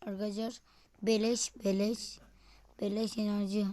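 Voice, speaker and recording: A hoarse woman narrating her own gameplay in a casual, chatty way, always talking to her viewers. Her voice is rough from illness, and she drops into quick mutters and whispers during tense moments. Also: mid-range voice, little pitch movement, mellow. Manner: chatty, keeps addressing the viewers, mutters and whispers while playing. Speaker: gaming video host.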